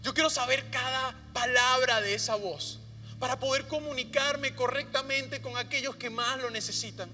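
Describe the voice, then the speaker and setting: A man preaching a sermon as pastor, often dropping to a soft hushed voice to stress a point. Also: very high-pitched, fairly even intonation, normal speed, faint music behind. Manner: drops to a soft hushed voice for emphasis. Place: church sanctuary. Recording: long hall reverb.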